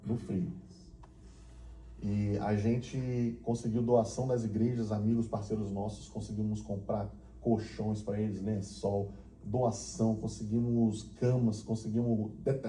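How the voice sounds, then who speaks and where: Um pastor contando um testemunho na igreja, narrando com emoção e imitando as falas das pessoas da história, ora baixo, ora animado. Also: male voice, fairly low pitch, moderate pace, roomy sound, slight background noise. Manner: storytelling, acting out dialogue, shifting from hushed to excited. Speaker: pastor and missionary. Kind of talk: testimony sermon. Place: church.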